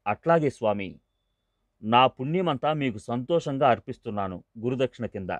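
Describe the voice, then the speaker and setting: A man's voice: animated, normal speed, no room sound, close to an everyday voice. A man reading the part of a weeping, remorseful male devotee who pleads desperately, in a dull, dry recording. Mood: anxious. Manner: pleading, sobbing, higher and strained.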